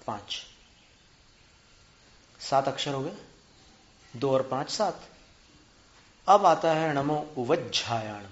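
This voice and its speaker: A man teaching spelling and pronunciation, drawing out syllables slowly, counting them aloud and asking his students questions. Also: mid-range voice. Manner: asks students rhetorical questions. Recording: muffled echoey room.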